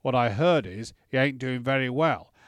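A man voicing a drunk, boastful middle-aged lord who slurs his words and gossips loudly. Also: medium pitch, animated, moderate pace, no echo, lightly acted. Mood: boozy, boastful. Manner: slurring, loud, gossipy.

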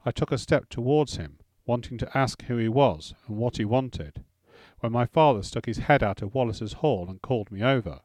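A man reading a first-person story as audiobook narration, in a steady storytelling manner. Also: mid-range voice, moderate pace, dry recording.

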